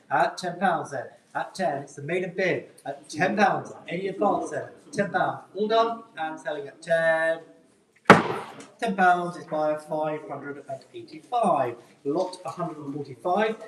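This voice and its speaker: Echoey, distant male auctioneer calling bids. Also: a little high. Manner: repetitive patter of numbers, polite. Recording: echoey room, picked up from afar.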